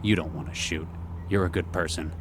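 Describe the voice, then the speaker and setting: A man playing a grave, remorseful agent in a sci-fi video game, measured, earnest and persuasive. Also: low-pitched, steady tone, background noise, close to an everyday voice. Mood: calm, persuasive.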